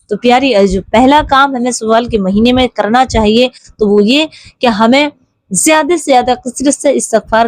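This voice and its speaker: A woman's voice: fairly high pitch, no room sound. Woman giving an earnest religious talk, dry sound. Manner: earnest, addresses listeners as "dear" and "sister", recites Arabic prayers. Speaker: religious speaker. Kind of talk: religious talk to women listeners.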